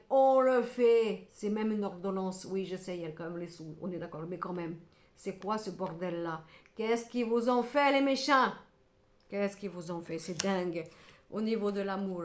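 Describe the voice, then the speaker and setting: A woman's voice: mid-range voice, darkish tone, echoey room. Emphatic middle-aged woman reading tarot cards. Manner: emphatic, scolding then consoling, repeats herself. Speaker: tarot card reader.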